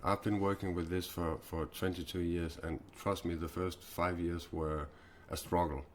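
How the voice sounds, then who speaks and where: Low-voiced Danish man hosting a live stream. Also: little pitch movement, slight background noise. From Denmark. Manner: halting, many fillers and restarts. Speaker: spiritual live-stream host. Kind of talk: live-stream spiritual talk.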